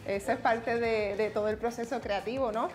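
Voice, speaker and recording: A woman hosts a TV interview with effusive enthusiasm. Her voice sits a little high. Soft music murmurs in the studio behind her. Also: fairly even intonation, moderate pace. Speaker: TV host. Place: TV studio set.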